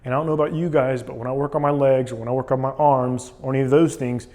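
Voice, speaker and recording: Guy doing a casual explainer vlog while sitting in a cold plunge, medium pitch. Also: steady tone, fast, dark tone. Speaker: vlogger documenting a cold plunge challenge.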